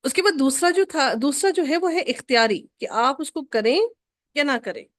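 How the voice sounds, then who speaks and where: A woman teaching an Arabic grammar lesson, patiently repeating each rule slowly for her students. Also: high voice, lively intonation, dry recording, studio quality.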